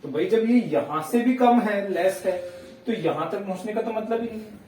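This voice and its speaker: A man's voice: high voice, mellow, slight background noise. Man teaching grammar in an echoey room. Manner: explains step by step, checks in with students; dictates sentences slowly word by word. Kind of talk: classroom grammar lesson. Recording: echoey room, voice heard from a distance.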